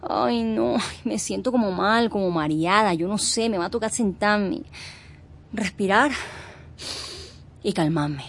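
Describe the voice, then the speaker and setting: An actress playing a sulky grown daughter who complains in a whiny, sarcastic way. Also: female voice, on the high side, animated, moderate pace. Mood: grumbling. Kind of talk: dramatic comic acting.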